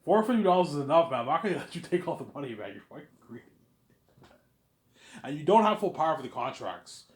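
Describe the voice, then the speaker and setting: This young man, very animated and a fast talker with a fairly high voice, rambles casually in his personal series about a film he intends to make. He words things bluntly, repeats himself a lot and frequently restarts his phrases.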